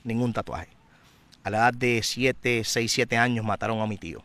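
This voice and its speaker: A man giving a personal testimony in an interview, a vivid, dramatic storyteller who grows louder and more intense. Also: mid-range voice, steady tone, normal speed.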